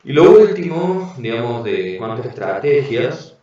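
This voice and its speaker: An instructor with a Rioplatense Spanish accent teaches an online class over a video call, explaining calmly and often checking in with tag questions. His mid-range voice is a little slow, and the audio is very echoey, dull and lo-fi.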